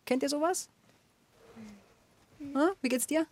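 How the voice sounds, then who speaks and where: A woman's voice: sits high, slow pace, darkish tone. A woman hosting a children's program, talking casually to the young listeners and asking them questions.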